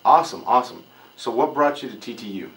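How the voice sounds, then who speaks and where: A man asking interview questions off camera, upbeat and quick to say awesome. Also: mid-range voice, animated, fairly bright tone, breathy edge, rough recording. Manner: upbeat, keeps saying awesome.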